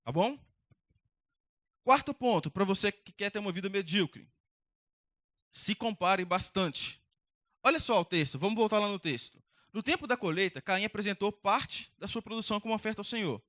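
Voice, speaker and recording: A young man preaching to teenagers as a youth pastor, direct and conversational, energetic. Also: high-pitched, normal speed, long pauses, no room sound, clean studio sound. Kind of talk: youth sermon.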